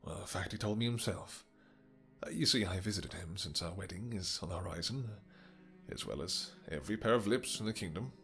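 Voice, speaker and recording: A man performs a possessive, vengeful vampire king in a fantasy romance audio roleplay. His voice sits low, with music behind it. He speaks in courtly, archaic turns, pausing hesitantly and dropping tender endearments. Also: a bit bright. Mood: menacing, wounded. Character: doting, possessive, vengeful male vampire king with horns and wings.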